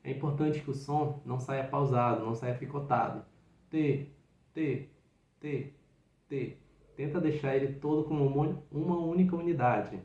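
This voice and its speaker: A man teaches flute articulation, walking through each step with patient encouragement. His voice sits at a middle pitch. The room around him rings with noticeable echo. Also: a little fast, hardly any pauses, darkish tone, lo-fi sound. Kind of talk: instructional video. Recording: roomy echo.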